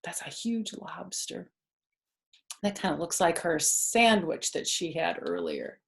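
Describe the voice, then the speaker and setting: Fairly low in pitch, slow, with some vocal fry, this woman in her fifties reads a story aloud to children in the living room. As an expressive grandmother reader, she explains words simply and asks her listeners questions between passages.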